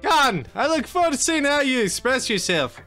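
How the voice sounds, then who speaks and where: A man voicing a sweet, encouraging teenage schoolgirl club president in a visual novel, gentle and polite. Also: very high voice, very animated, normal speed, faint music behind, pitched above the performer's own voice, exaggerated voice.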